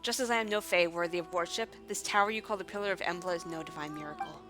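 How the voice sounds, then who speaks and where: A woman reads fantasy game dialogue as a solemn, ancient guardian recounting an old tragedy in formal, grave language. Her voice is lowish and close to everyday speech, delivered quickly over background music.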